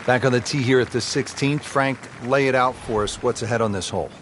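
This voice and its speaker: A man's voice: medium pitch, fairly quick, fairly bright tone, lightly acted. A man working as a golf commentator, calling play in a polished broadcast style. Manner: polished, asks his co-commentator questions. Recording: outdoor crowd ambience, clear background noise. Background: golf crowd and outdoor ambience.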